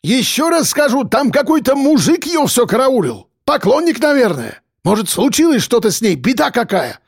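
A man voicing a hot-tempered middle-aged male cafe owner, loud and pleading. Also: very high-pitched, very animated, moderate pace, vocal fry, husky, dry recording, clean studio sound, pitched above the performer's own voice, exaggerated voice. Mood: indignant.

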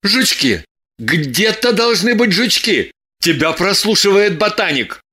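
A woman voicing an excitable, suspicious man with agitated exclamations. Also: medium pitch, unhurried, husky, heavily acted. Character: excitable, suspicious young-ish man, her lover.

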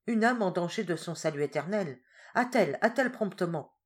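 A woman's voice: fairly low pitch, animated, a little fast, natural voice. Woman doing a thundering old village priest. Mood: urgent. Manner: urgent, commanding exclamations.

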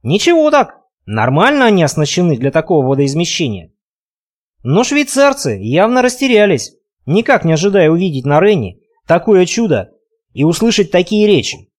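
A man narrating a first-person adventure audiobook in an expressive, conversational way. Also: sits high, moderate pace.

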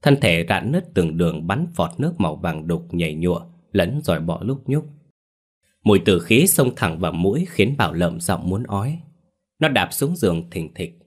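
A man narrating a scripted horror story in a steady, measured way. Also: deep voice, slightly rough. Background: faint music.

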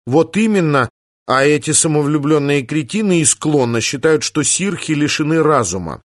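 A bold, mischievous young woman bursts in with eager, teasing lines, as a man puts her on in an audiobook reading. Her voice sits noticeably higher than the reader's own, bright and quick. The recording is dry and close, with no room around it. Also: animated, dry recording.

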